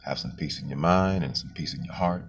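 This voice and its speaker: Dude with a super deep gravelly flu voice, just rambling casual with slang and filler words. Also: male voice, a little fast, lo-fi sound, a little hiss or hum. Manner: loose, street-slang talk with frequent fillers and swearing. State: voice deepened by flu. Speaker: vlogger. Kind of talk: casual motivational monologue.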